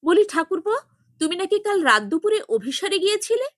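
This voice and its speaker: A woman voicing a hot-tempered, sharp-tongued young sister-in-law who scolds indignantly, in a story reading. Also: sits high, lively intonation, brisk, no room sound, studio quality. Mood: indignant scolding.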